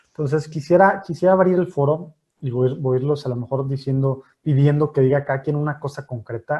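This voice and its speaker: A man, hosting a panel over a video call in a joking, lively way and often repeating his words. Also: medium pitch, dull audio. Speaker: host and moderator of a panel.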